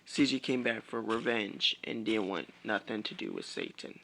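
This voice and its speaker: Brief: creaky male storyteller, lively pitch, loud background noise. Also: poor audio. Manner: casual, drawn-out, addresses listeners as y'all. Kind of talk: casual, improvised story narration.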